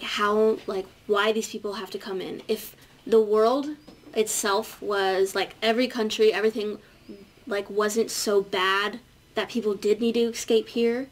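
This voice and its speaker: A woman on a debate panel, speaking tentatively with many fillers. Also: medium pitch. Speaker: panel guest.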